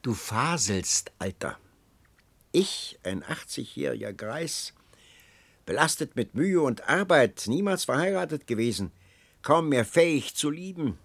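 A man reading as a gruff, impatient old doge. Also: mid-range voice, big pitch swings, a little slow, a bit bright, no echo, heavily acted. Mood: grumbling. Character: aged male Venetian doge, gruff and impatient.

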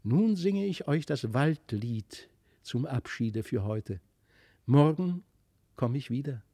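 A man voicing a gentle magical child. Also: medium pitch, lively intonation, slow, husky, dry recording, clean studio sound, full character voice. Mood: tender.

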